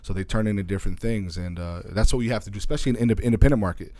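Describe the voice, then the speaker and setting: His voice is lowish and dark in tone, and he races along, recorded with no echo. He's a DJ and radio station owner from Arizona, USA, chatting loosely as a guest in a casual interview and regularly throwing in "you know what I'm saying."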